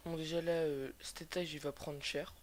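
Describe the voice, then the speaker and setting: A man's voice: fairly high pitch, level tone, normal speed. A young man giving casual, slangy gameplay commentary, hesitant and sweary, his voice sick from a sore, swollen throat. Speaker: gaming video host. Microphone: cheap computer microphone. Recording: noisy cheap microphone with clicks.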